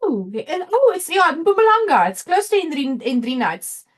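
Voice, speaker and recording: A woman's voice: high voice, big pitch swings, moderate pace. A South African woman hosting a casual livestream, chatty and thinking aloud as she reads out viewer comments. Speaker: livestream host and crafter. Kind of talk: casual live chat, reading out viewer comments.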